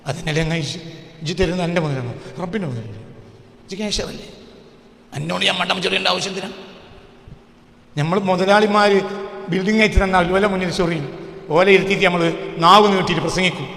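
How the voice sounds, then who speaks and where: Loud, echoey fiery preacher. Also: male voice, fast, creaky, long pauses. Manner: swings between loud shouting and low muttering, rhetorical questions. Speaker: Islamic preacher. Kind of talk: fiery sermon. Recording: echoey hall with long reverb.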